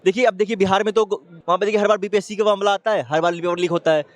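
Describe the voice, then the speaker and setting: A man with a high voice makes his case in a street opinion interview. He talks fast and emphatically, piling point on point, and keeps urging the listener to look. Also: steady tone. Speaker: interviewee giving public opinion.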